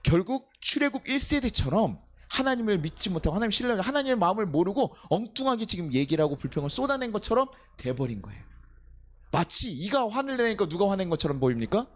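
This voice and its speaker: 중년 남자 목사가 밤 예배에서 회중에게 계속 물음을 던지며 대화하듯 설교한다. 목소리는 높은 편이고 억양이 넓게 오르내린다. 성경 속 인물의 말을 직접 흉내 내듯 생생하게 들려준다. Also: male voice, high-pitched, big pitch swings, fast. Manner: conversational preaching, asking the congregation questions and acting out quotes. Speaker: pastor. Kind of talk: sermon at a night worship service.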